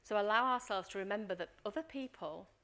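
A middle-aged woman with a medium-pitched voice talks a little fast while coaching a workshop. As a leadership coach and trainer, she brings her anecdotes to life by acting them out, pausing often to ask the room "Okay?"

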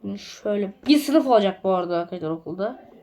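A young woman casually chatting to viewers as she builds in a game, often counting blocks quietly under her breath. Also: mid-range voice, animated, rapid-fire. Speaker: gaming video creator.

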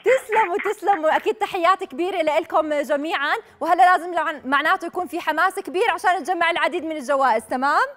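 A woman's voice: very high-pitched, very fast, hardly any pauses, a bit bright. A young Jordanian-accented woman hosting a live phone-in TV game show, announcing in an upbeat, congratulatory way. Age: young adult. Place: TV studio. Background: background music.

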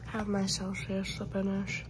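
This is a casual vlog chat from a small room at home, recorded on a phone camera held close. The speaker, a college student in her twenties with a cold, whispers softly in a medium-pitched, monotone, unhurried voice, her throat scratchy and nose congested.

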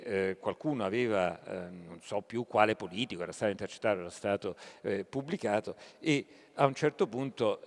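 Man, panel journalist, halting delivery, frequent fillers, mid-pitched voice, long hall reverb. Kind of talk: public panel talk. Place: hall at a live public event.

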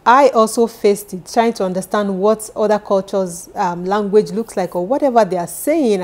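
Sitting on her living room sofa, a vlogger for immigrants speaks directly to the camera with earnest, encouraging advice, going over key points more than once. She's a woman from Nigeria in her thirties, with a Nigerian accent and a mellow, medium-pitched voice.

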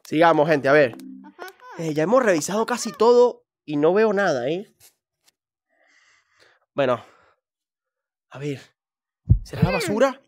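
A woman's voice: low-pitched, lively intonation, unhurried, pauses often, a little mellow, dry recording. A woman hosting a let's play, commenting with playful mischief, often turning to her viewers. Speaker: gaming channel host.

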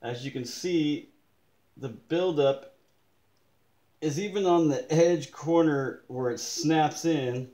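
A man showing close-up magnified damage on a watch he bought, talking slowly and deliberately, now and then muttering in frustration at his gear. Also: a little high, mellow, reverberant. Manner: slow, deliberate, pointing things out, occasional frustrated mutters. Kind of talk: casual show-and-tell demonstration. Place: indoors at a desk in a room.

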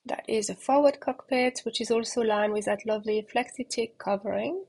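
A woman giving a relaxed, chatty walking tour of a catamaran, talking outdoors on deck into a handheld phone camera, with plenty of fillers. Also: on the high side, moderate pace, creaky, breathy edge. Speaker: yacht broker giving a boat tour.

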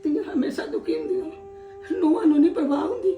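An elderly mother, acted by a woman, laments her neglect in a high, sorrowful voice. The sound is echoey and distant, with music playing softly behind. It is family drama acting. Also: a little fast, natural voice. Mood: tearful. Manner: lamenting, sorrowful, breaks into tears. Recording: echoey room, mic far off, music behind.

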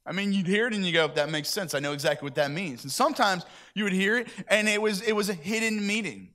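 Chatty, conversational pastor preaching. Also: male voice, high voice, fast talker, fairly bright tone. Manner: conversational, chatty, repeats himself. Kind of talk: sermon. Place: church.

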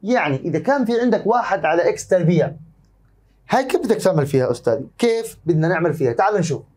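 A man with a Jordanian accent teaching an exam-prep math lesson, warmly calling his students dear and asking and answering his own questions. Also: high voice, lively intonation, racing. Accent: Jordanian Arabic.

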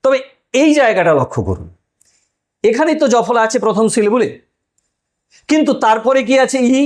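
A man with a notably high voice explains a language lesson step by step. He repeats each example, asks rhetorical questions and answers them himself, in the careful way of a classroom teacher. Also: sing-song, normal speed. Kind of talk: explanatory lecture.

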